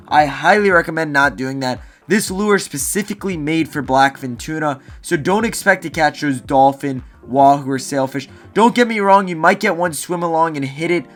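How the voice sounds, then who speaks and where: Music plays under this fishing gear review host, whose voice is fairly high and fairly bright. He runs through a top ten countdown for his audience in a relaxed, emphatic style, leaning on key phrases and saying them again.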